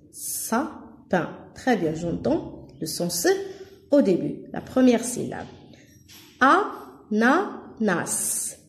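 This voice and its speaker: Woman, schoolteacher for small kids: slow, clear, bouncy delivery, recorded in an echoey room. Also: medium pitch, dark tone. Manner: slow, clear syllable-by-syllable teaching. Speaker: teacher. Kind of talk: first-grade lesson for children.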